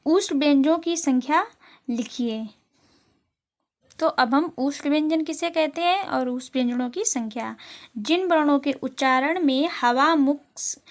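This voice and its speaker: In this exam-prep lesson, a female teacher with a high voice reads each question aloud, explains its answer, and then repeats the key terms.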